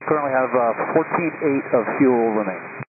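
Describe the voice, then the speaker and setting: A man speaking as an airline captain, a pilot over the radio, calm and procedural, in clipped phrases. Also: mid-range voice, fairly quick. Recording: noisy narrowband aircraft radio transmission.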